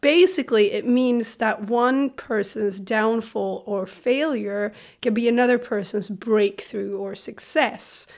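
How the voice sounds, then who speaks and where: A woman from Sweden co-hosting a podcast in a conversational way, her voice gravelly from a cold. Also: a little high, slow, few pauses, darkish tone. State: has a cold. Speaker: podcast co-host.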